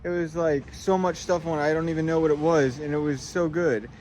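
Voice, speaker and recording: A man's voice: a little high, fairly even intonation, brisk, a little mellow, slight background noise. A man vlogging on his phone outdoors in a city square, talking in an upset, rambling, repetitive way. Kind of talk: casual selfie vlog.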